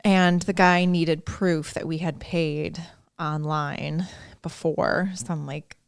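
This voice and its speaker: A woman in her thirties with a low, gravelly voice tells a story on her podcast in a loose, chatty way. She laughs often and slips into quoted voices. The sound is close and dry. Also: steady tone, slow, dry recording. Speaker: podcast host. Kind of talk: casual storytelling chat.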